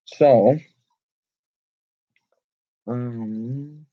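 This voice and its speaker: A man reading and explaining Bible verses in an informal, halting way with many fillers and restarts. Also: medium pitch, fairly even intonation, dry recording. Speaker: Bible study teacher. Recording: dull lo-fi home recording.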